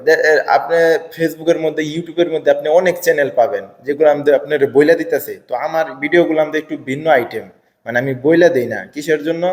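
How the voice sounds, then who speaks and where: A man's voice: a little high, darkish tone, long reverb tail. A man talking casually and hesitantly to his viewers in a vlog, with many fillers and repeats. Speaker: vlogger.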